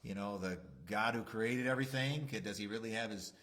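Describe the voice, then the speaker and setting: A man with a somewhat low voice talks through matters of faith on a church youth show. He rambles reflectively and leans on fillers like "you know" and "uh". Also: a little fast, fairly bright tone. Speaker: church youth leader co-host. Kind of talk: casual faith discussion.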